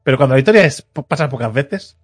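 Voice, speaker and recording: A man tells a story in relaxed podcast chat. His voice sits at an ordinary middle pitch, and he puts on the voices of the people in his story with a playful, teasing edge. Faint music runs underneath. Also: fast talker, breathy edge. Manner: animated, acts out quoted people, teasing.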